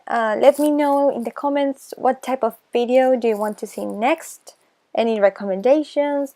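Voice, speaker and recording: This booktuber is an Argentinian teen girl whose first language is Spanish, and her accent is Argentinian. With a high voice and a darkish tone, she records a casual vlog voice-over, moving slowly and self-consciously, hesitating and pausing often.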